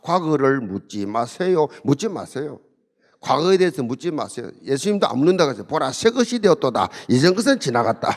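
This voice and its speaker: A middle-aged man preaches, pressing his points through repetition and humor and getting the crowd to repeat after him. His voice sits a little high for a man. The sermon carries a long reverb from a large church hall. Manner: emphatic, repetitive, humorous preaching with call-and-response. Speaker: pastor. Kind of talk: sermon at a marriage seminar.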